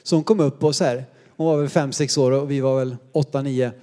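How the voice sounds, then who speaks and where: A man's voice: medium pitch, steady tone, warm tone. A man in his thirties from Sweden, preaching a sermon and telling funny, self-deprecating stories from his boyhood. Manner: humorous, self-deprecating storyteller. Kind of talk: sermon with personal anecdotes.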